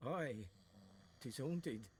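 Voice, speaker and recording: A man's voice: medium pitch, lively intonation, drawn-out words, darkish tone, slightly rough, heavily acted. Rustic worried peasant father. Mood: pleading. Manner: rustic dialect, pleading.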